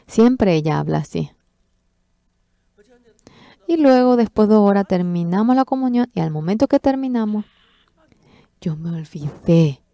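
A woman interpreting a sermon testimony, expressive, acting out quoted speech with sudden jumps in pitch. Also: unhurried, gravelly, pauses often, no room sound.

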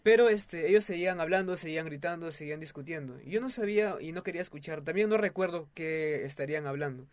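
A young man tells his story in an interview. He speaks in a somewhat high voice, hesitant and full of fillers and restarts. The recording is dry and close. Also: quick pace, few pauses, no room sound. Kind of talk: testimony in a casual interview.

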